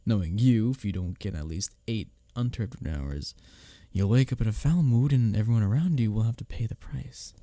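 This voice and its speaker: A man voices a male workplace rival in a one-sided ASMR roleplay, his tone low, gravelly, and mellow. He teases and bickers sardonically in an intimate way, chuckling between lines while secretly caring. The recording is dry.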